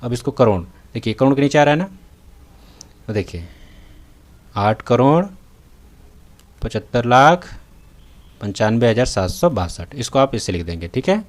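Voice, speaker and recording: A North Indian man records a voice-over while writing on a tablet, teaching a math tutorial and frequently checking that students are following. He keeps repeating "theek hai" and "hai na." His mid-range voice is expressive, at normal speed with long pauses.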